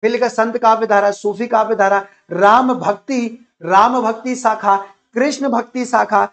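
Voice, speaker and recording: A man's voice: sits high, fairly even intonation, unhurried. A man teaching an exam-prep lecture, listing topics one after another and repeating key points as he explains. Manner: repetitive, explanatory, enumerating topics.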